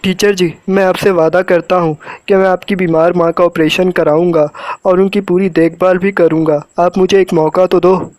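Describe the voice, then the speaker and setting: A man's voice: sits high, flat delivery, moderate pace, a little mellow, no room sound, close to an everyday voice. A man voicing a scared schoolboy bully. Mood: remorseful. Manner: pleading, boastful. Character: cocky schoolboy bully, frightened.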